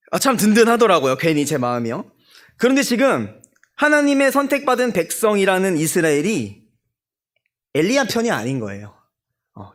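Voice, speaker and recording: A young man preaching to his church. His voice sits a little high and swings widely in pitch as he tells stories. He acts out the quoted voices and keeps asking his listeners questions. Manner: storytelling with acted-out quoted voices; addresses the congregation directly with questions. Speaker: junior pastor. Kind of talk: sermon. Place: church sanctuary.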